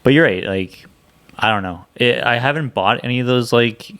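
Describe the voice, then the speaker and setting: A man's voice: mid-range voice, normal speed, fairly bright tone, smooth. A man co-hosting a podcast in casual, rambling chat. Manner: rambling, restarts, chatty. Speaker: podcast co-host.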